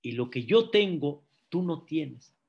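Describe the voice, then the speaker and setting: Guy doing a soft fatherly rich old man, calm and slow, in a sermon story. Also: a little high, creaky, slightly rough, lo-fi sound, exaggerated voice. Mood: gentle. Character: kind, wealthy older man, gently soothing.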